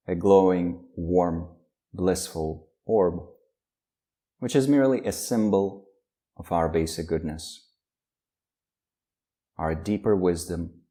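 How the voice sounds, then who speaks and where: Here a man with a deep, dark voice guides a meditation at an unhurried pace. As the teacher, he stays calm and slow, letting long silences stretch between his words.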